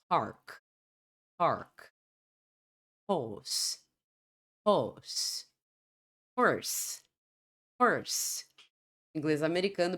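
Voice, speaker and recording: A low-voiced woman, an English teacher with a Brazilian Portuguese accent, explains a lesson in Portuguese and repeats the example words at a slow pace.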